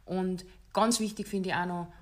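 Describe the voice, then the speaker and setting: A woman's voice: fairly low pitch, fairly even intonation, moderate pace. A woman hosting a casual podcast chat, talking in an emphatic, direct way. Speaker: podcast host.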